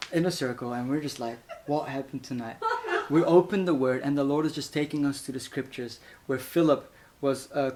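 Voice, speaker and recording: A man from Iran giving an animated, casual spoken testimony, laughing often and stumbling over repeated words. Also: mid-range voice, slight background noise. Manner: animated, laughs often, acts out voices in quotes.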